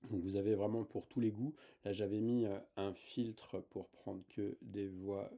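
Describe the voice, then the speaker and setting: Man, tutorial host, gravelly voice, very dark tone, hesitant with fillers. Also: fairly low pitch, fairly even intonation, measured pace. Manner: hesitant, many fillers and restarts. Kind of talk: casual tutorial explanation.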